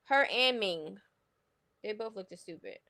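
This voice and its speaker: A New York City woman hosts a livestream, dishing out blunt, opinionated gossip commentary in slangy, casual talk. Her mid-range voice is animated, pushed and bright, and she speaks at a slow pace.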